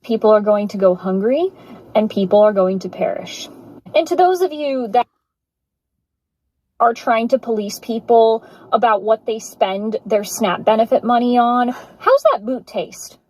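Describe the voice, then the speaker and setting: A woman from Bulgaria speaks in a bitter, emphatic monologue from a social media clip. Her voice is a little high, and the recording is dry and close. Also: a little slow, darkish tone, no room sound, poor audio.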